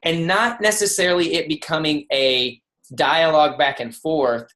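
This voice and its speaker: A man giving a motivational talk on a team kickoff call. He tells conversational stories, with frequent restarts and lively quoted voices. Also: a little high, normal speed, slight background noise. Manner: conversational, with restarts and animated quoting. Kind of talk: motivational storytelling.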